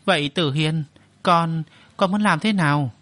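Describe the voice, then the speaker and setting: A man's voice: on the high side, a little slow, a bit bright, dry recording. Frantic doting mother, read by a man. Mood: anxious. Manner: pleading, anxious. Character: frantic middle-aged mother, doting and scheming.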